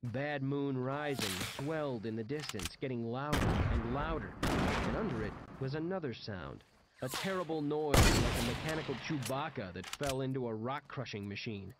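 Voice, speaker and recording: A man's voice: medium pitch, lively intonation, normal speed. A man narrating a first-person audiobook in a wry, dry manner, with background noise. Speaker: audiobook reader. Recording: noisy background hiss.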